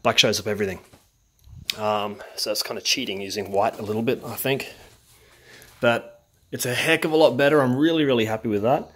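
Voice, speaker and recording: A man's voice: mid-range voice, steady tone, fast talker. Man chatting in his garage. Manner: rambling, many ums, plain-spoken. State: out of breath. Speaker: home car restorer. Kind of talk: casual workshop vlog. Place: home garage.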